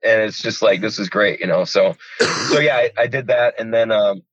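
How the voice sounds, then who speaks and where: A man's voice: lowish voice, normal speed, no room sound, lo-fi sound. A man in his forties from rural Georgia, a pastor, talking casually and enthusiastically, rambling with lots of "you know" and "man". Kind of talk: casual conversation.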